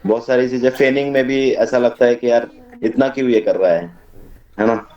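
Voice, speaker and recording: A man's voice: mid-range voice, fairly even intonation, normal speed, muffled recording. A man leading a homeopathy study discussion, explaining with everyday examples and mixing in English terms. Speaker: homeopathy group study leader. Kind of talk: casual teaching discussion. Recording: echoey room, distant mic.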